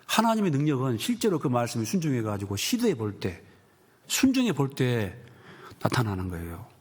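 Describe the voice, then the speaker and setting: A male pastor delivers a sermon in a husky, slightly breathy voice. His pitch swings widely as he acts out the people in his stories, jumping high for exclamations and dropping low for asides. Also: brisk. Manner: animated storytelling, acting out quoted voices.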